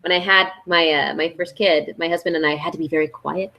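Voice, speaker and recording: A woman's voice: sits low, steady tone, fairly quick, creaky, sharp tone. A woman in her thirties chatting as a guest about board games, full of fillers and easy laughter. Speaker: guest, board game channel host. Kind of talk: casual live-stream interview.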